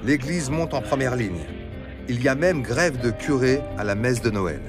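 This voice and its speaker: A man giving scripted documentary narration in a measured, solemn way. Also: medium pitch, animated. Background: music.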